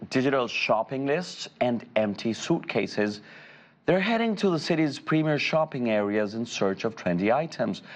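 Low-voiced male news anchor. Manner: formal anchor delivery. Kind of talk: scripted news introduction.

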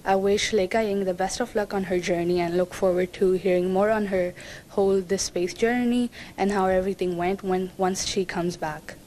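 Enthusiastic woman interviewee, faint rumble. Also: steady tone, moderate pace, a little mellow, low-quality recording. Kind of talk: street interview.

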